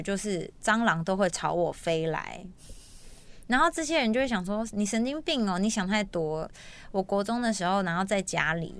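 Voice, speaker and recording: A young woman, hosting and telling a story in a lively, animated way, acting out the voices of people she quotes. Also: medium pitch. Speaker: host. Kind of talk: casual storytelling chat.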